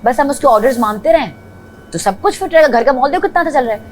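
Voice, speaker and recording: A woman's voice: high voice, expressive, rapid-fire, slight background noise, low-quality recording. A woman, a reality show contestant, complaining heatedly in casual talk and mixing in English words. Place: reality show house, indoors.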